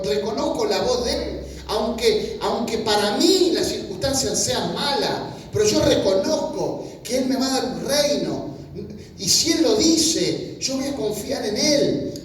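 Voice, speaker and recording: A preacher delivers a casual, chatty sermon, often breaking off and restarting phrases. The voice sits at a middle pitch. It sounds far from the microphone in a room with strong, booming echo. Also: a little hiss or hum. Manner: colloquial, conversational preaching with frequent restarts and acted-out quotes. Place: church gathering in person. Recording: very echoey room, speaker far from mic.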